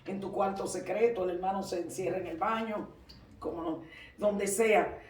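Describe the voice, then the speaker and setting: A man preaching a sermon in a church, fervent and emphatic, rising at times to shouts. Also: high-pitched, steady tone, moderate pace. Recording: roomy, from far off the mic.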